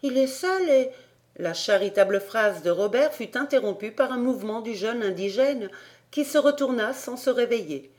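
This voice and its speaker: A woman narrating a classic novel as an audiobook reader, with clear, steady delivery. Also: a little high.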